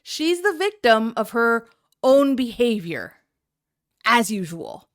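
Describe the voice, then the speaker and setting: A woman with a somewhat high voice reacts to a livestream clip. Her commentary is pointed and sarcastic. She is critical of what she is watching. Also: very animated, slow. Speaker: reaction video host.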